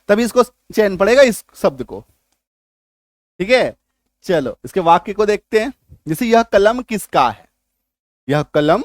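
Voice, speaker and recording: A man's voice: high-pitched, no room sound, studio quality. A man teaching an English grammar lesson live, explaining step by step, repeating phrases and checking that learners understand.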